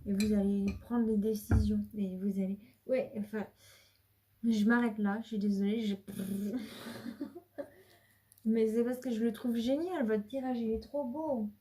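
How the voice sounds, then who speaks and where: A woman's voice: fairly high pitch, steady tone, measured pace, pauses often, mellow, breathy edge. A woman giving a casual, chatty card reading to her viewers, rambling with many restarts and sometimes dropping to a whisper. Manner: drops to a whisper at times. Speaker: card reader. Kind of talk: casual tarot reading to camera.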